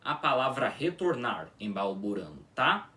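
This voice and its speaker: A man teaching a pronunciation lesson, demonstrating each sound slowly and checking in with his students. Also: mid-range voice, very animated, sharp tone, recorded from a distance. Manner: drawn-out patient demonstrations, frequent "tá?" checks. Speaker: language teacher.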